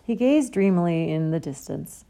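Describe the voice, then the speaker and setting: Low gravelly woman narrating. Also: moderate pace. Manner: steady storybook reading. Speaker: audiobook reader. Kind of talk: scripted narration.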